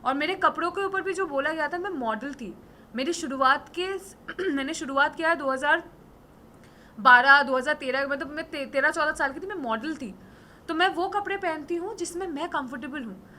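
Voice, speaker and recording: A hoarse young woman in her twenties, an influencer and model, talking defiantly and emphatically in an interview. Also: high voice, normal speed, bright, forceful tone, a little hiss or hum. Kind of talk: casual interview talk.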